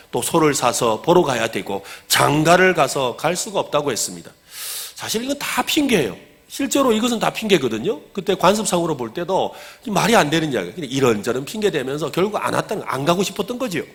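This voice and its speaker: A man preaching a sermon as pastor, acting out quoted lines loudly and putting questions to the congregation. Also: mid-range voice.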